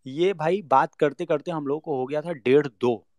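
A man's voice: normal speed, a little mellow, no echo. Young man telling a spooky story, dry close sound. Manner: acts out quoted dialogue, drops to a low murmur for inner thoughts. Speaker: guest telling a personal story. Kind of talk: casual spoken storytelling.

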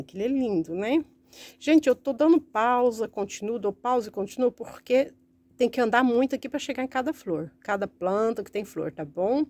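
A Brazilian woman films a casual vlog on a handheld phone while strolling through a large orchid greenhouse, repeatedly calling out to her viewers and gushing over every flower. Her voice is mid-range and a little mellow.

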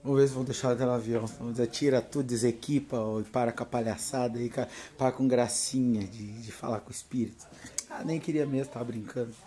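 A paranormal vlogger in his thirties with a southern Brazilian Portuguese accent films a casual selfie vlog on a phone held at arm's length, first on his home porch and then inside a car. Tired from no sleep and nervous, he chats loosely and laughs often, his mid-range, mellow voice steady and quick.

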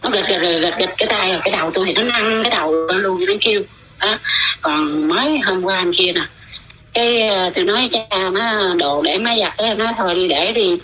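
A woman's voice: mid-range voice, brisk, bright, forceful tone, faint music behind, poor audio. A middle-aged woman, telling her own story in casual, rambling talk and often repeating her words.

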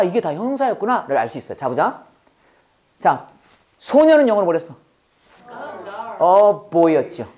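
A woman's voice: medium pitch, a little mellow. A woman teaching an English class to students, drilling terms by call and response and joking between points.

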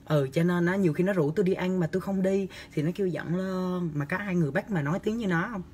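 A husky-voiced young man talks fast and high-pitched as he hosts a casual livestream, reading comments aloud. He's chatty, campy and teasing, gesturing in a lively, exaggerated way. He's in a small indoor room, filmed on a phone camera held at arm's length.

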